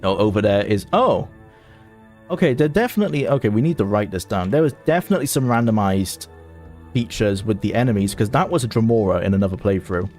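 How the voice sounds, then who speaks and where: A man's voice: fairly low pitch, lively intonation, fairly quick, darkish tone, soft background music. A man streaming a video game, chatting casually and thinking aloud in an amused way. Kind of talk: casual gameplay commentary.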